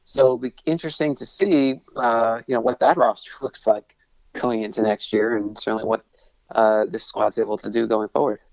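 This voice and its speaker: A man's voice: mid-range voice, steady tone, normal speed, a little mellow, no room sound. Enthusiastic man talking sports, muffled sound. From Long Island, New York. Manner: enthusiastic, many restarts and fillers. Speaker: sports broadcaster guest. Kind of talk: casual interview talk.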